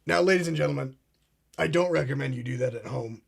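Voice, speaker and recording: In a comedic mock talk show, an actor plays a pompous, paranoid male conspiracy host who addresses "ladies and gentlemen" in a grandiose, ominous manner. His mid-range voice is fast, creaky and edged with breath, and the mood is grave.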